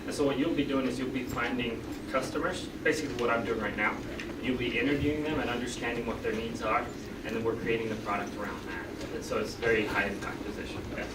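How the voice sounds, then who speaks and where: A man's voice: medium pitch, fairly even intonation, quick pace. A young man from Finland, out of breath, giving an upbeat class announcement with many fillers. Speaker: student presenting to a class. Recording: roomy classroom audio from far off, loud background noise.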